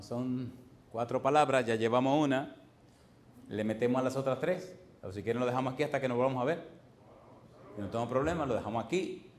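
A man's voice: medium pitch, a little mellow, reverberant, slight background noise. An older man preaching a sermon, emphatic and repetitive, putting questions to the congregation.

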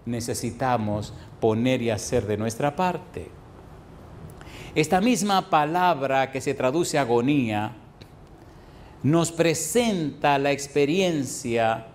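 A man preaching as a pastor, repeating phrases and asking the congregation rhetorical questions, swinging from soft slow passages to loud high emphasis. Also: a little hiss or hum. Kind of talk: sermon.

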